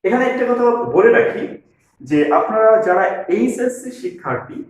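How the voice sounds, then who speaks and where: A man's voice: high voice, animated, normal speed. Guy teaching grammar, says things twice while writing, sounds like a big bare room with lots of echo. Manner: repeats key phrases while writing on board. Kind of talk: classroom grammar lesson. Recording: very echoey room.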